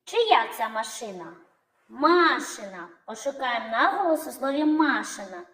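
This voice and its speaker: A woman teaching young children, calling out words in a drawn-out sing-song way. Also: fairly high pitch, very animated, a bit bright, echoey room, poor audio. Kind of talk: children's lesson narration.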